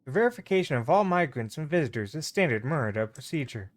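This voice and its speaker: Man playing an officious gate guard, curt, formal, loud and high-pitched. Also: big pitch swings, quick pace.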